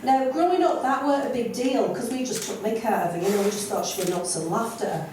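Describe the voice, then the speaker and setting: An older woman with a broad Lancashire accent works the room with blunt, self-deprecating humour. Her voice sits a little high and carries from a distance. The club sounds very echoey, with a steady murmur of audience noise underneath. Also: fast talker. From North West England. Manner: blunt, self-mocking, broad northern delivery. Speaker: stand-up comedian. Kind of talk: stand-up set. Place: comedy club stage.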